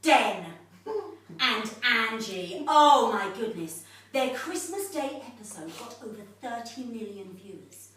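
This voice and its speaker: A woman's voice: on the high side, lively intonation, slow, a bit bright. A woman playing a chatty, starstruck would-be actress who performs a live comic monologue in a living room for an audience. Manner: chatty, theatrical, laughs often. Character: starstruck would-be actress hosting her own evening. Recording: echoey room, mic far off.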